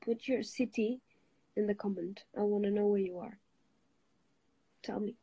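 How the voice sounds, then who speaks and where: Lying on a bed indoors, a young woman from Switzerland whose first language is Italian livestreams to viewers from a phone held at arm's length. Relaxed and chatty, she greets people and switches between languages. Her medium-pitched, slightly rough voice moves at a moderate pace, and the audio is dry and dull.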